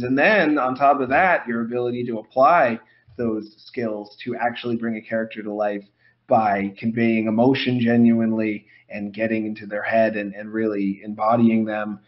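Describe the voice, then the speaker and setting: A man hosting a podcast, talking casually and at length with folksy exclamations and self-deprecating asides. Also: mid-range voice. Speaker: podcast host. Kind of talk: casual interview chat. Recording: slightly dull podcast audio.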